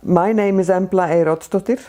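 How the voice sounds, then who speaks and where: A woman in her fifties with an Icelandic accent, speaking as an interview guest in a measured way, with frequent ums and restarts. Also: lowish voice, mellow. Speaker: guest, Arctic policy expert. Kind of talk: casual interview talk.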